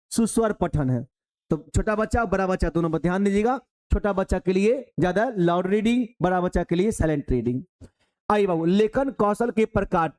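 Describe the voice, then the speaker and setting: A man with a high voice teaches an exam-prep lesson in Hindi. His speech is chatty and colloquial, and he calls his listeners "babu." He keeps asking the class questions and then answering them himself. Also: darkish tone.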